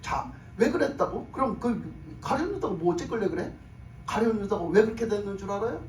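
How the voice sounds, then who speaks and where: A woman pastor giving an emphatic sermon, firing off rhetorical questions and rising to shouts. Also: medium pitch, expressive, fairly quick. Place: church sanctuary. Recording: echoey hall, mic from a distance, faint room noise.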